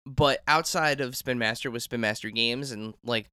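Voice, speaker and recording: A man's voice: medium pitch, normal speed, pushed and bright, clear, resonant tone, no echo, clean studio sound. A man in his thirties hosting a trade show recap, chatty and enthusiastic, interviewing guests and using many fillers. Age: 30s. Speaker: host, reporter.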